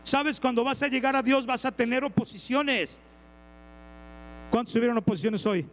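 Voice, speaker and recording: Preaching a sermon in a Mexican Spanish accent, a man tells stories, performs characters and poses questions to the congregation. He speaks at normal speed in a very high-pitched, slightly bright voice. The recording is low quality with a big-room sound.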